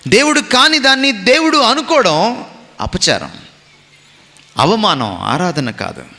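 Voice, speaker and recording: A man's voice: high voice, big pitch swings, measured pace, sharp tone, long reverb tail. A man preaching a sermon as a pastor, emphatic and rhythmic, slipping into English phrases now and then.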